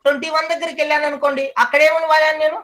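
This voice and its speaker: A male teacher giving an online class, repeating each term slowly so the students memorize it. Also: extremely high pitch, little pitch movement, fairly bright tone, rough recording.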